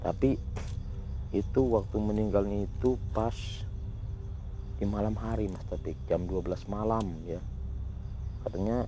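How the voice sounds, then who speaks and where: A man hosting a ghost-hunting vlog outdoors near a village, talking in a hushed voice to his companion and muttering Islamic prayers. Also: fairly low pitch, fairly even intonation, a little slow, pauses often, a little hiss or hum. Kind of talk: hushed on-location narration.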